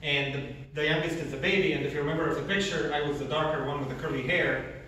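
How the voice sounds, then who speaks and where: A man's voice: mid-range voice, a bit bright, a little hiss or hum. A man, giving an earnest personal testimony with emphatic repetitions. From Egypt. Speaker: speaker. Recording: echoey hall from far off.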